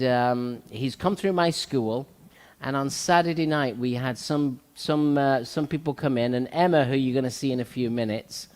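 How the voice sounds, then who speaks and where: This talk show host is a man with a medium-pitched, darkish voice who speaks as a salon owner. His delivery is earnest, repetitive and motivational, full of fillers, and it echoes with long hall reverb.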